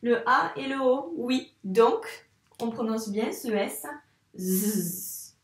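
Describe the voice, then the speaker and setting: A primary school teacher sounds out letters with care for young children learning to read, patient, slow and over-articulated. Her fairly high voice is animated. It echoes in a reverberant room, far from the microphone.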